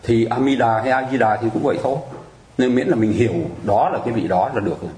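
A man's voice: medium pitch, fast, a little mellow, echoey room, slight background noise, rough recording. A man teaching Buddhist practice in a patient, conversational way, often asking listeners if they follow. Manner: patient, explanatory, keeps asking listeners to agree. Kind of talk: conversational teaching on mudras and mantras.

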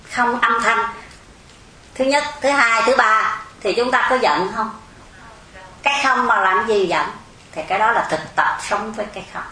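A woman's voice: a little high, bright, forceful tone. A woman gives a Zen dharma talk, explaining patiently and asking the audience rhetorical questions. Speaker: Buddhist Zen teacher. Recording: echoey room, faint background hum.

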